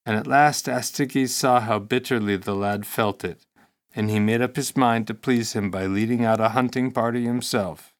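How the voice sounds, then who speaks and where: A male narrator reads a classic story aloud in a steady, measured audiobook delivery. His voice sits at an ordinary middle pitch. The pacing is even and unhurried. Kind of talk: scripted narration of a classic text.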